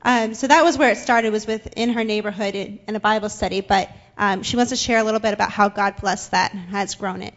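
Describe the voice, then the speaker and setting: A woman's voice: medium pitch, fairly even intonation, quick pace, few pauses, lo-fi sound. A young woman interpreting into English for a guest in a church, slightly hesitant with fillers. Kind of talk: consecutive interpreting. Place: church sanctuary.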